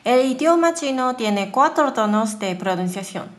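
A woman's voice: on the high side, expressive, reverberant. A woman whose first language is Mandarin Chinese, teaching a patient beginner lesson and checking in often with "¿sí?". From Taiwan. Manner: patient, drawn-out demonstrations with many checking "¿sí?".

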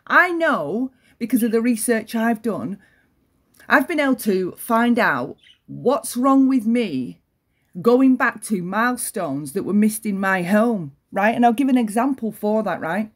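A woman giving an earnest opinion commentary, repeating her points and often adding "right?". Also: fairly high pitch. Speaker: commentary channel host.

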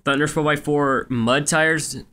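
Hushed young man, keeping quiet at night. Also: a little high, fairly even intonation, a little slow. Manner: hushed, speaking quietly at night so as not to wake others. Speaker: toy collector showing his collection. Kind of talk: casual collection walkthrough, listing items. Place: carpeted room at home. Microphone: handheld camera, held by the speaker.

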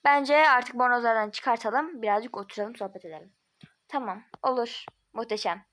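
A woman with a bright, slightly high voice runs a casual home-made doll role-play. She chats in an easygoing way and switches between friends talking together. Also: normal speed. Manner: chatty, casual, voices several characters.

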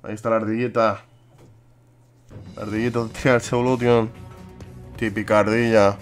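Excitable young gamer. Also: male voice, fairly low pitch, normal speed, faint music behind. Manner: excitable, swears and exclaims often. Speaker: gaming YouTuber. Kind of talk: let's play commentary.

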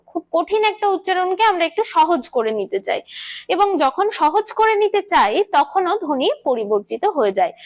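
A woman's voice: sits high, no room sound. A woman with a West Bengal Bengali accent, giving an exam-prep grammar lecture, explaining patiently with many "ah" fillers and repeated key points. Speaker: teacher.

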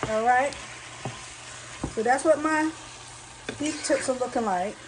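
A home cook vlogger with a high voice takes her time explaining a recipe in her own kitchen, chatty and addressing viewers as y'all. A camera on a nearby counter by the stove picks up kitchen noise and sizzling food.

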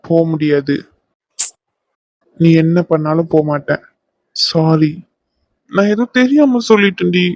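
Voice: mid-range voice, measured pace, pauses often, no echo, close to an everyday voice. A performer voicing a young man who pleads with his ex and then turns threatening. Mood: pleading. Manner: insistent, clingy, pushy.

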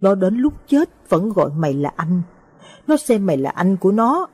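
A woman's voice: medium pitch, sing-song, normal speed, a little mellow, slightly rough, no room sound, studio quality. A woman voicing a grieving old village ritual master in an audio story, bitter and choked with sorrow.

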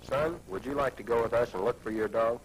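An actor playing a practical, kind man in a 1960s family film, speaking in a brisk, earnest manner. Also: mid-range voice, slight background noise, lightly acted, poor audio. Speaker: adult helping search for a lost dog.

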